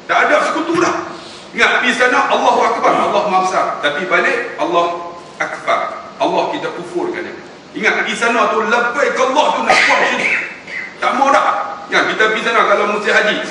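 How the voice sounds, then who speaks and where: Animated Malaysian preacher in echoey hall. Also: male voice, sits high, brisk, noisy background. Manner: storytelling, animated, addresses audience as tuan-tuan. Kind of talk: religious lecture. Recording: echoey hall, distant mic.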